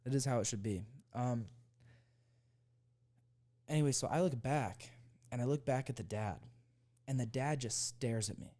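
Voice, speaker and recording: A man's voice: medium pitch, moderate pace, pauses often, mellow. A young man co-hosting a podcast, telling a heated, profane story in casual chat. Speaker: podcast co-host.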